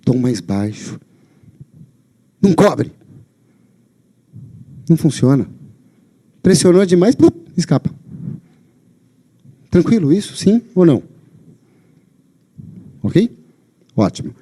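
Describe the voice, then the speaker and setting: A man with a Brazilian Portuguese accent lectures on a lapel mic, his fairly high, mellow voice swinging widely in pitch. He talks with emphasis and keeps checking in with his listeners. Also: very animated, slow, long pauses. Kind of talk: live talk to an audience. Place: lecture venue.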